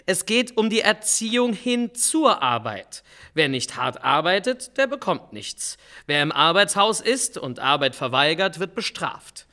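A stern Victorian economist and government adviser, played by a man, lectures in a bright, fairly high voice. His pitch swings widely as he lays out his case with complete self-assurance. It is a scripted history role-play podcast. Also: big pitch swings, unhurried, full character voice. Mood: lecturing. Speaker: guest expert.

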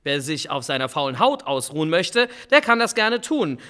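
A man's voice: fairly high pitch, very animated, normal speed, pushed and bright, clear, resonant tone. A man playing a stern Victorian economist and government adviser in a scripted history podcast, lecturing in a self-assured way. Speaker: guest expert.

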